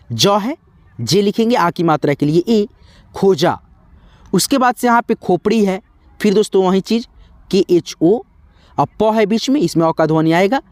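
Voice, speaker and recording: A man's voice: high voice, darkish tone, no echo. A man teaching spelling to viewers in a patient, repetitive way, often calling them friends. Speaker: English teacher. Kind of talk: spelling lesson in Hindi.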